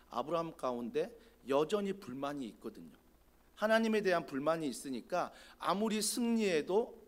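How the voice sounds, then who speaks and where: Male pastor giving a midweek church sermon. Lively, slightly high voice, animated delivery. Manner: animated preaching, acting out quoted prayers, rhetorical questions. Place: church sanctuary.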